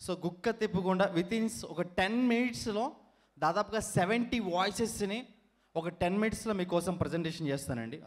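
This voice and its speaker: A man with a fairly high voice addresses an awards audience in a formal, ceremonious tone. His sentences are long and flowery, full of respectful greetings, as he introduces his act. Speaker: mimicry artist. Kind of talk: formal stage speech.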